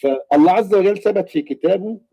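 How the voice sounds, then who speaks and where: A man with an Egyptian accent calling in to a live debate, talking in a halting, explanatory way over a muffled home mic. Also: high-pitched, warm tone, husky, dry recording. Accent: Egyptian Arabic. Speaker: caller.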